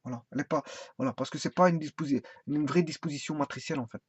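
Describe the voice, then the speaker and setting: Explaining a laptop keyboard in a casual tutorial, this man speaks fast in a fairly high, husky voice, with no echo. His delivery is rambling and hesitant, packed with fillers and restarts, over a dull lo-fi recording with faint hiss.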